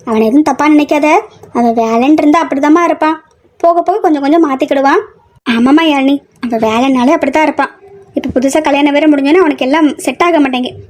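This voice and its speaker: A kindly middle-aged aunt, played by a woman, reassures her young relative in a homemade audio drama. She talks quickly and fluently. Her voice sits high. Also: close to an everyday voice. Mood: reassuring. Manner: reassuring, gentle pleading.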